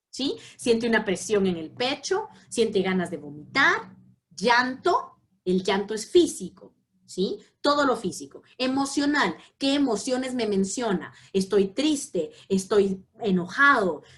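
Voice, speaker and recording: A woman teaching a psychology class, explaining each point with examples and often checking that her students follow. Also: fairly high pitch. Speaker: psychology lecturer. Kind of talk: online class lecture.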